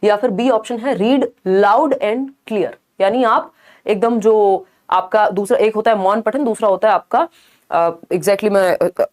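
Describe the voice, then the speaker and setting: In a mid-range, slightly mellow voice, a woman leads a live online exam-prep class in Hindi sprinkled with English. Chatty in manner, she keeps checking in with her viewers and asking the class to confirm.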